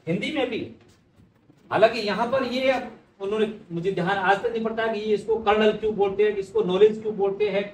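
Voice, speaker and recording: High-voiced man teaching in an echoey room. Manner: conversational, repeats words while writing. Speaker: Hindi teacher. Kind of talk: spelling lesson at a board. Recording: echoey room with faint ambient noise.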